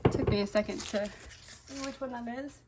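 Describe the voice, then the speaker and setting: Easily delighted and chatty, a young woman unboxes toys on her vlog, her talk full of "like" and "um" and her voice a little congested. She speaks somewhat fast and on the high side, and the recording is very noisy.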